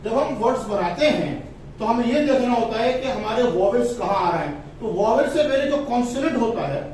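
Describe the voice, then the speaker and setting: A man with a very high voice teaches a phonics lesson, drawing out each letter and vowel slowly. He sounds set back from the microphone in a strongly echoing room, with faint ambient noise behind him. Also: lively intonation, darkish tone, distant mic. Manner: slow, drawn-out spelling of letters and words, stressing vowel sounds.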